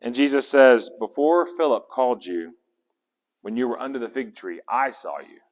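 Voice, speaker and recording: Expressive and speaking at normal speed, a medium-pitched man leads a Bible study, asking his group questions in a conversational way and restarting some words. The sound has the long echo of a hall.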